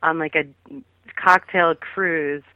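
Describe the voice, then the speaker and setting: A woman's voice: low-pitched, fairly even intonation, slow pace, no room sound. A woman calling in as a guest, chatting casually and rambling with lots of fillers. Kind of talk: casual phone interview. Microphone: phone call. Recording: tinny phone line, dry.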